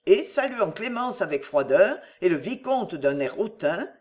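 A woman narrating a novel as an audiobook reader, in expressive storytelling style. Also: fairly low pitch, measured pace. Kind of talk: scripted narration.

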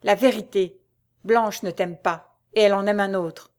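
A woman voicing a defiant young officer in an audiobook, with calm, cold-blooded delivery. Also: mid-range voice, a little slow, close to an everyday voice. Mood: coldly defiant. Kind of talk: audiobook dialogue reading.

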